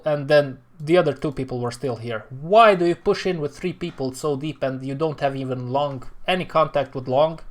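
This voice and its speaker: Exasperated male streamer analyzing match replays. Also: a little high. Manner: exasperated, rambling with frequent sighs. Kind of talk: live-stream match commentary.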